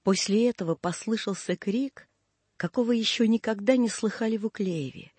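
A man reading a classic story aloud in measured scripted narration. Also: high voice, darkish tone, breathy edge, no echo. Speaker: audiobook narrator.

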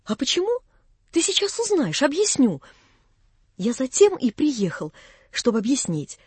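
A woman's voice: high-pitched, breathy edge, dry recording, heavily acted. A woman voicing an eager, flustered young nobleman. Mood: excited pleading. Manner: excited, pleading, rushed.

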